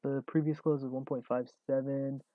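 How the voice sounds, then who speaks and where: A man of about twenty hosts a stock trading stream, casually reading out viewer questions at a moderate pace with a relaxed, mid-pitched voice and lots of ums and little laughs. It sounds thin and tinny, like a phone call, and completely dry.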